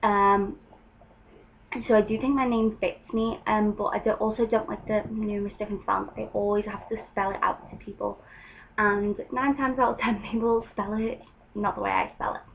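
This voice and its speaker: Her voice is mid-range, gravelly, and level, moving at a moderate pace as this young English vlogger chats casually on a home video, saying um often. The sound is lo-fi, recorded in a room with an open window letting in faint ambient noise.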